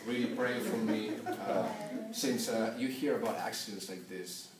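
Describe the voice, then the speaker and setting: A young man raised in Peru shares a personal story for a class assignment, often pausing on filler sounds. His voice is somewhat low and sounds distant in an echoey classroom, with a faint hum in the background.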